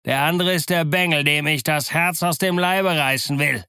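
A shrill pirate ringleader screeches to his mates, pitched far up and loud, as a male narrator puts him on. Close, dry sound. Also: moderate pace, clear, resonant tone, no room sound. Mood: agitated.

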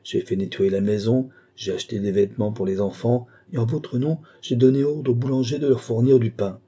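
A man's voice: fairly low pitch, dark tone, breathy edge. A man voicing a scheming, self-assured woman of the manor in an audiobook, cool and mildly ironic. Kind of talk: audiobook character voice.

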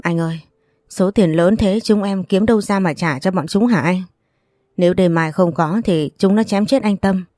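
A woman's voice: lowish voice, normal speed, warm tone, dry recording, close to an everyday voice. Woman reading as a distraught pleading aunt. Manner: pleading, lamenting.

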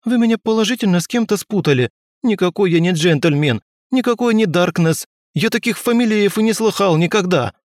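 A man's voice: high voice, expressive, brisk, dry recording, studio quality, voice pushed up. A man voicing a flustered, nervous detainee who pleads his innocence in fussy, old-fashioned speech. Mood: pleading.

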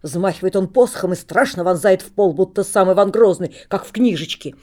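A woman reads a classic audiobook in a calm, even storytelling voice. Her tone is warm and mellow, with a middle pitch and steady delivery. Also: fairly quick. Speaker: audiobook narrator. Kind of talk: scripted narration.

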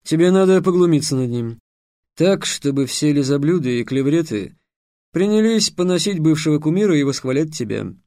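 Мужчина-чтец озвучивает строгого, насмешливого декана, обучающего ассасинов; говорит наставительно и повелительно. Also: male voice, fairly high pitch, animated, moderate pace, a little mellow, no room sound, clean studio sound. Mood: commanding. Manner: lecturing, sarcastic, commanding. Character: stern, scornful male dean teaching assassins. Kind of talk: audiobook character voice.

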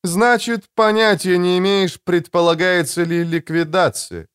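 A man's voice: high-pitched, steady tone, unhurried, fairly bright tone, clear, resonant tone, voice pushed up. A man reading an audiobook, voicing a blunt, proud female army captain in a raised, clipped, insistent voice. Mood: curt, demanding. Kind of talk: audiobook character voice.

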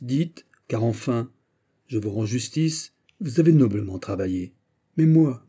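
A man voicing a proud, witty Gascon musketeer, animated and wry, in an audiobook reading. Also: mid-range voice, lightly acted.

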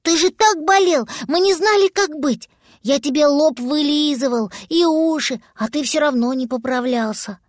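A woman plays an eager little dragon boy from a storybook, his voice pitched high and bright and bubbling with excitement. He chatters quickly and happily, all childlike enthusiasm. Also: dry recording, clean studio sound, lightly acted. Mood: overjoyed.

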